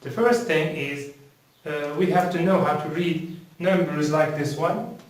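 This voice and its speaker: A man with a Moroccan accent teaching an English lesson, repeating words slowly for pronunciation drills. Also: a little high. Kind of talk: slow, deliberate language lesson. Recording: roomy, from a distance.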